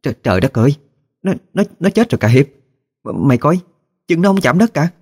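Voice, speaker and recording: A man's voice: mid-range voice, lively intonation, moderate pace, darkish tone, voice pushed up, lightly acted. A man voicing an old grandmother ghost, blunt and scolding. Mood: terrified. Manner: blunt, scolding rustic talk.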